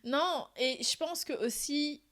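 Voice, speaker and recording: A woman co-hosting a relaxed podcast, her voice sitting a little higher than most. She talks in an animated way, laughing often and restarting her sentences as the ideas come. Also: slow. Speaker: podcast co-host. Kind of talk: casual chat.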